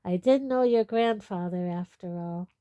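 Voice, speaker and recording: A woman's voice: fairly low pitch, a little slow, dark tone, smooth, no room sound, studio quality, natural voice. A woman voicing a genial, tipsy older male professor. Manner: genial, hiccuping.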